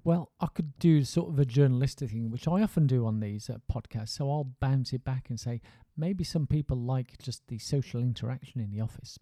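A man's voice: medium pitch, fairly quick, hardly any pauses, dark tone, dry recording, studio quality. A British man hosting a podcast in an easygoing casual conversation, often chiming in with short agreements. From Britain. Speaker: podcast host.

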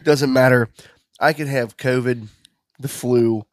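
A man's voice: mid-range voice, steady tone, slow, dry recording. A man co-hosting a casual beer-tasting chat, easygoing and joking, with casual swearing. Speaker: podcast co-host.

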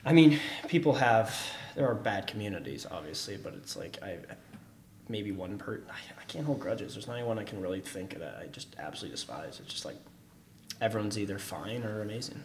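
A man's voice: lowish voice, animated, a little fast, darkish tone. Young male co-host, playful and teasing, faint background hiss. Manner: joking, acts out playful quoted voices. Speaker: podcast co-host. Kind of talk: casual chat.

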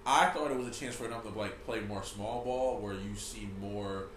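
A man co-hosting a podcast, talking sports in an animated, teasing way and quick to laugh. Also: lowish voice. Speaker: podcast co-host. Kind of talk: casual sports chat. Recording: echoey room, faint background hiss.

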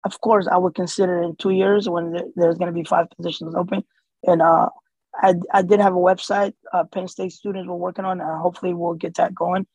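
Speaking brisk and level, a high-voiced man with a darkish, slightly rough tone appears as an interview guest. He's a community organizer, Somali-born and US-raised, and his casual delivery wavers with frequent fillers and restarts. The low-quality recording has no echo.

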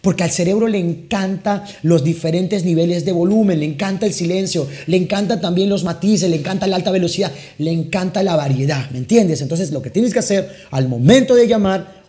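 Rich: A high-pitched man coaching sales techniques. He keeps shifting his tone, speed and loudness on purpose, and drops into sudden pauses before firing off quick bursts. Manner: deliberately varies tone, speed and volume. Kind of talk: teaching lesson with role-played phone calls.

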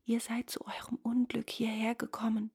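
A woman voicing a kind young woman in a forest hut, warning in hushed whispers and scolding sharply. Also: medium pitch, moderate pace, vocal fry. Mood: fearful whisper.

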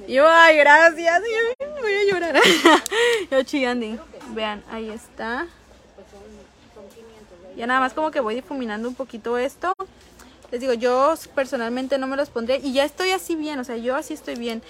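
A woman's voice: high-pitched, expressive, normal speed. A young woman with a Mexican accent, chatting effusively with fans on a casual makeup live stream from a small table in a public place.

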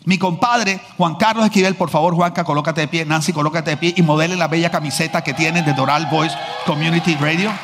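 A man preaching a sermon as pastor, telling stories in a lively, joking manner. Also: fairly high pitch, a little fast, hardly any pauses, a little hiss or hum. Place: large church hall. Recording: echoey church hall.

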